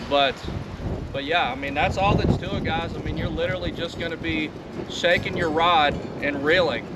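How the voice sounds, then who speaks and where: A man's voice: a little high, far from the mic. A middle-aged American man giving a casual, colloquial outdoor fishing demonstration, often saying "you know". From northern United States. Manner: laid-back, colloquial, repeats "you know". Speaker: angler demonstrating techniques. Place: outdoors in wind. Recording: windy outdoor recording with noise. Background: wind.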